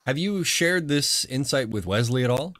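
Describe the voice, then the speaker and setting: A man of middle pitch runs a tabletop game as game master. He narrates scenes and answers players in a loose, joking way, often breaking into laughs. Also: animated, moderate pace, a bit bright, dry recording, clean studio sound.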